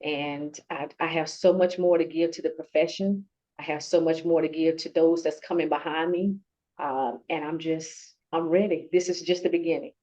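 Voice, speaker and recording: A woman speaking earnestly and heartfelt in an interview, pausing and restarting as she tells her story. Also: low-pitched, fairly even intonation, mellow. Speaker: award-winning procurement professional, guest. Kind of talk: conversational interview. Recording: dull lo-fi sound.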